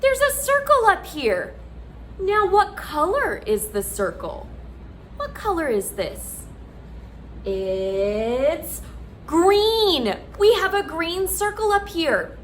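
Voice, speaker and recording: Lady doing kids storytime like shes reading to a toddler, slow and sing-songy, really bouncy voice, bit of background noise. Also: very high voice. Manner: speaks as if reading to a toddler, with slow simple questions and exaggerated expression; animated, sing-song, encouraging. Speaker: children's storytime leader. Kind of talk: children's storytime, talking to toddlers.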